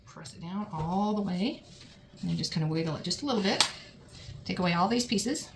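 An older woman gently talking children through a baking task step by step in a home kitchen, recorded on a camera across the counter. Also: on the low side, expressive, a little fast, gravelly, noisy background. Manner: patient, gentle step-by-step coaching. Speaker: cooking helper guiding children. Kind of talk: casual kitchen instruction.

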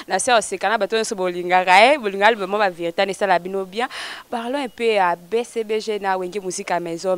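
A woman's voice: medium pitch, smooth. A woman hosting a casual talk, rambling and switching between French and Lingala. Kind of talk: casual chat.

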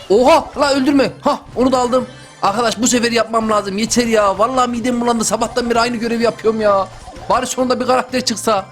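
A young man giving excitable, slangy live commentary over his gameplay as a gaming YouTuber. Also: very high voice. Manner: excitable, slangy, talks to himself and viewers.

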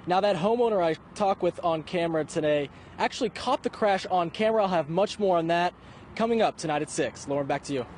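Male field reporter, high voice, measured live-news read, faint background noise. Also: a little mellow. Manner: clear, measured reporting delivery.

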